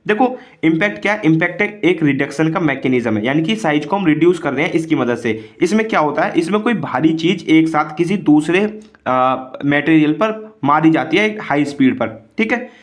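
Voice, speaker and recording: A man tutoring for exams, asking and answering his own questions, reading definitions slowly and then explaining them quickly. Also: a little high, lively intonation. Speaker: pharmacy tutor. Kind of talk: exam-prep lecture.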